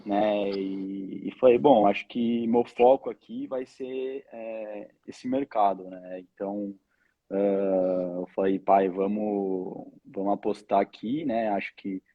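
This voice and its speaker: This casual interview features a man in his 20s representing his family's air-curtain business; he was born in Argentina and has lived in Brazil since age two. He has a fairly low pitch and chats haltingly, frequently checking for agreement with tag questions. The sound comes through a dull, lo-fi online call.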